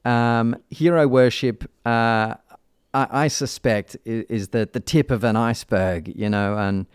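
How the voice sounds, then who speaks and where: A man hosting a casual music interview, with halting, meandering phrasing and jokey, mock-grand wording. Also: mid-range voice, steady tone, clear, resonant tone, dry recording, clean studio sound. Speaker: radio show host.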